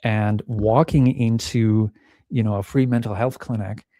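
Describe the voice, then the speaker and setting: In clean studio audio with no room sound, a middle-aged man from the Czech Republic talks reflectively as a podcast guest. His voice is fairly low and dark, with fairly even intonation and a measured pace. Thoughtful and candid, he restarts phrases frequently and performs quotes he recalls.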